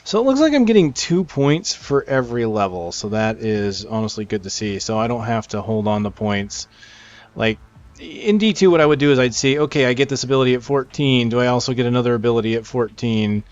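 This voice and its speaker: Fairly quick and expressive, a medium-pitched male voice offers casual, off-the-cuff commentary while presenting a game preview. He rambles and thinks aloud over game music, and the dry recording has its highs cut off.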